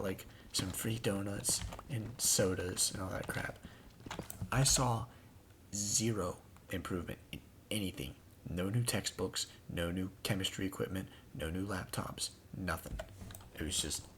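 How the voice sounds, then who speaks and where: A young man with a low, gravelly voice talks casually while playing a game. He rambles through a story with plenty of exasperation. The recording is noisy, with keyboard clicks clattering behind him. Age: young adult. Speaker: gaming channel host.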